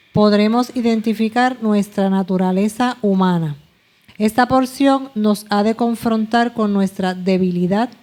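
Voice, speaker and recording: A woman with a Puerto Rican accent reads a church study text aloud for her class. Her delivery is steady and careful. Her tone is dark and mellow, at an average pitch for a woman. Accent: Puerto Rican Spanish. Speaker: class member reading aloud.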